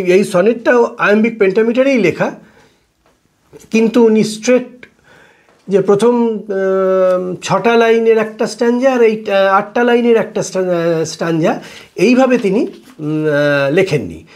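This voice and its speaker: A man lecturing on poetry as a teacher, pausing often with fillers and reading English verse slowly. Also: sits high. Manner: hesitant, full of fillers, reads English lines slowly. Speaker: literature teacher.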